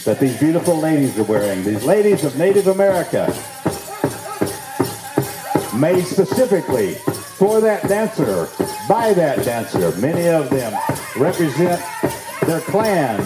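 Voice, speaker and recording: A man working as a powwow emcee, announcing the grand entry to the crowd in a folksy, showman's manner with drawn-out phrases. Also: on the high side, big pitch swings. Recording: echoey PA sound with music behind.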